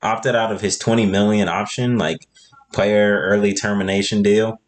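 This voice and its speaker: A man's voice: on the low side, moderate pace. Laid-back young man talking basketball. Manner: relaxed, talks through a script of player deals. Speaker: podcast co-host. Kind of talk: casual sports chat.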